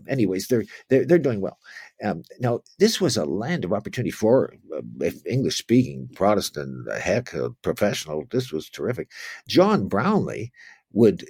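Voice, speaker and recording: Gravelly low-voiced man lecturing on history. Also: a little mellow, dry recording. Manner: rambling, with many restarts and asides. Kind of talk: informal spoken lecture.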